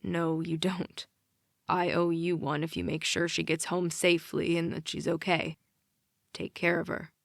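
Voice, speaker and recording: A calm, protective teenage boy from a young adult audiobook, read by a woman who lowers her voice a little. He speaks in a reassuring, even way, and the recording is dry and close. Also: moderate pace, creaky, no room sound.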